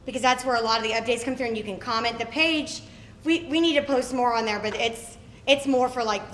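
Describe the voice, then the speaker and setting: A woman hosting a club meeting, giving casual announcements in a chatty, upbeat way with fillers. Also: fairly high pitch. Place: running store meeting room. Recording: echoey room, faint noise.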